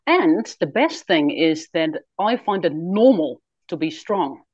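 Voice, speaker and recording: Dutch woman in her forties, low and muffled. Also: big pitch swings, measured pace, a little mellow, breathy edge, no echo. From Netherlands. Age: 40s. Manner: candid, laughs easily. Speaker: guest, author and traveler. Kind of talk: conversational interview.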